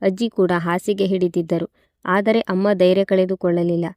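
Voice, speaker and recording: A woman narrating a moral story in a steady, measured reading voice. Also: fairly low pitch, no echo, studio quality.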